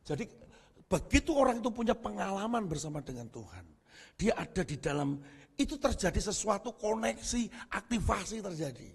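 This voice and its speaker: A man preaching a sermon as pastor, telling stories in a lively, animated way and laughing at his own jokes. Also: sits high, moderate pace, gravelly, husky. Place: church hall. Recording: echoey church hall with long reverb.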